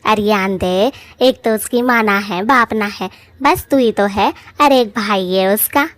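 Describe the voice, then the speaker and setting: A woman's voice: on the high side, moderate pace, natural voice. A woman voicing a fussy, gossipy middle-aged mother in a cartoon, nagging in rustic folksy speech. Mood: pleading.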